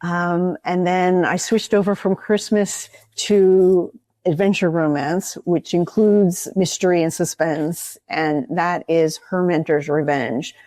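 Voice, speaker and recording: A woman's voice: lowish voice, fairly even intonation, takes it slowly, mellow, no echo. A woman author speaking as an interview guest, rambling and explaining at length. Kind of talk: casual interview chat.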